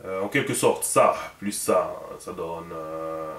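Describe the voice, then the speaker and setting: A teacher gives a casual spoken lesson, thinking aloud with many fillers and repeated words and often checking that his listeners follow. His voice sits low, a bit bright, and slow-paced. The sound is roomy.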